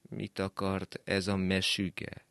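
A man voicing a grumpy, sleepy old man who complains slowly at a bus stop, in a radio story reading. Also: sits low, completely flat delivery, vocal fry, a bit bright, dry recording. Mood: puzzled. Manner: slow, grumbling complaints.

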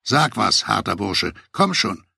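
A man voicing an enraged mobster captain who shouts mocking taunts at a beaten man. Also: lowish voice, big pitch swings, slow pace, gravelly, husky, no room sound, studio quality, heavily acted. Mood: taunting. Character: enraged male mob captain, loud bully.

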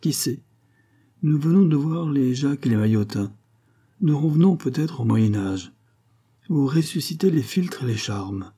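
A man's voice: mid-range voice, expressive, a little slow, dark tone, breathy edge, pitched above the performer's own voice. A man voicing a haughty, scornful queen with a biting, contemptuous delivery. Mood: mocking.

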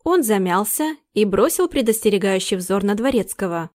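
A woman narrating an audiobook in a steady, expressive manner. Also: mid-range voice, moderate pace, no room sound, clean studio sound.

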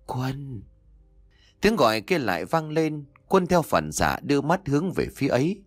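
A man narrating an audio story in a dramatic, expressive storytelling manner. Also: fairly high pitch, brisk, no room sound, clean studio sound. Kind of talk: scripted narration.

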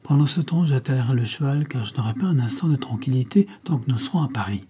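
A man reading the part of a tall, thin, shifty male trader who talks gruffly and in a hurry. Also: medium pitch, lively intonation, fast, warm tone. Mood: scheming.

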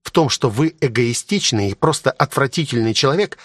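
Brief: male reader doing ancient scornful maid-guardian, sharp tongue, lifted pitch, dry booth sound. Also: expressive, a little fast, dry recording, natural voice. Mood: bitter, scornful. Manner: haughty, bitter and sharp-tongued. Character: ancient spiteful woman guardian serving as maid. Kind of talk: audiobook reading.

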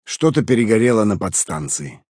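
A man voicing a calm, composed middle-aged host who speaks in a measured way in an audiobook. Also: lowish voice, dry recording, clean studio sound. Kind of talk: audiobook character voice.

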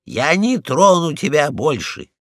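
A man voicing a pompous, bossy male guard dog in a storybook reading, loud and commanding. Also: fairly high pitch, very animated, a little slow, no echo, clean studio sound, voice pushed up.

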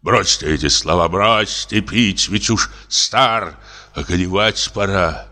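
A man voicing a drunk, frightened old comic actor in his late fifties, speaking in a slow, trembling, self-pitying lament. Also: low-pitched, pushed and bright, big-room sound, soft background music, heavily acted. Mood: fearful. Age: older. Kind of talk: audiobook character reading.

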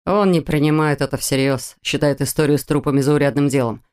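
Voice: mid-range voice, fairly even intonation, fairly quick, a little mellow, clean tone, close to an everyday voice. A reader voicing a sneering crooked cop. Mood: menacing. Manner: curt, sneering. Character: rough corrupt cop with a gun, male, menacing.

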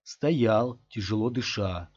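A man with a low voice narrates an audiobook in a steady, measured way. The recording is dull and lo-fi. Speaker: audiobook reader.

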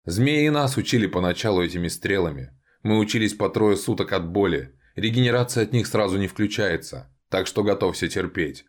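A man's voice: fairly low pitch, lively intonation, normal speed, few pauses. A man doing a brash ancient vampire stranger. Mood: reassuring.

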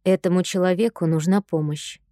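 A woman voicing a kind, dignified noblewoman and mother in an audiobook, speaking in a soft, warm, even voice. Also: lowish voice, measured pace, no room sound, clean studio sound. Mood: gentle pleading. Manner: even, calm delivery. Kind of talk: audiobook character voice.

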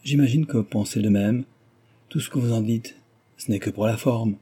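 In an audiobook reading, a man voices a frivolous young aristocratic lady who gossips, chatters flippantly, and teases. His own voice is fairly low, mellow, and husky, at a moderate pace.

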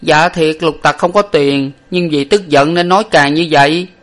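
A man's voice: fairly high pitch, steady tone, normal speed, voice pushed up, natural voice. A man voicing a timid, cheeky young male servant who talks in a whiny, pleading, deferential way.

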